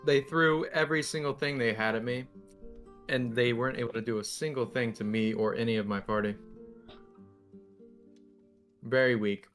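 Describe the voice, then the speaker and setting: A man's voice: mid-range voice, fairly even intonation, normal speed, pauses often, fairly bright tone, close to an everyday voice. A man voicing his boastful adventurer, who taunts an enemy with contempt, over faint guitar music. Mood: taunting. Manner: cocky, contemptuous.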